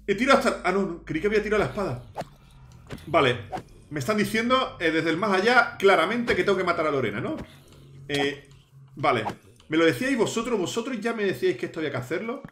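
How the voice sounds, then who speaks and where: Excitable high-voiced gamer man. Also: fast, echoey room, a little hiss or hum. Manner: dramatic, shrieks in mock fear, talks to viewers. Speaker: Minecraft youtuber. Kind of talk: Halloween let's play, playacted fright.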